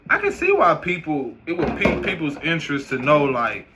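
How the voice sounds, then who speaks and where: A man's voice: a little high, fairly quick. A man giving a casual, loose, profane monologue to camera as a vlogger, mixing stories and advice. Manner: loose, profane, animated storytelling. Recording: noisy background hiss.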